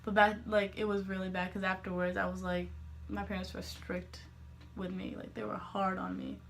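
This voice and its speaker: A woman's voice: medium pitch, flat delivery, normal speed, creaky, a little hiss or hum. A teenage girl telling a storytime vlog, rambling with many fillers and self-corrections, laughing between remarks. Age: teens. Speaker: vlogger.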